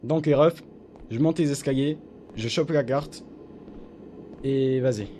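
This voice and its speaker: A young man chats his way through a horror game on stream in loose slang, drifting from low mutters to sudden excited yelps. His voice sits mid-range but sounds mellow and dark. Faint game ambience hums behind him. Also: a little slow, a little hiss or hum. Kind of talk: casual live-stream gameplay commentary.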